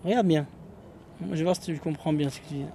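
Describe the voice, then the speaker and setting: Male teacher with a somewhat high, warm voice, patient and questioning, faint room hiss. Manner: patient, quizzing students with quick questions. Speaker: Arabic teacher. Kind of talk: classroom lesson. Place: classroom.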